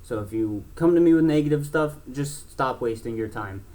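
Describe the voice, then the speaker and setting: A blunt young man in his twenties talks straight to camera as a gaming channel host. His delivery rambles, full of fillers and restarts, and he swears freely. His voice sits at an ordinary middle pitch for a man. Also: animated, moderate pace, dark tone. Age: 20s. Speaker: gaming YouTuber. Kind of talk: casual talk to camera.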